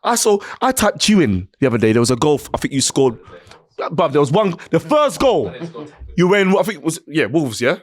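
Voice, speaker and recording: A man's voice: on the high side, big pitch swings, a little fast. A man co-hosting a football podcast who talks in playful, teasing banter full of slang. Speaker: podcast co-host.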